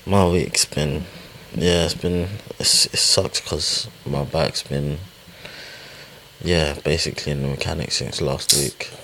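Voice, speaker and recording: A young man with a London roadman accent talks in a deep, gravelly voice. His hosting is casual, slangy podcast chat, recorded with slight background noise. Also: fairly even intonation, takes it slowly, sharp tone, poor audio. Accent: London, urban street (roadman). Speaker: podcast host.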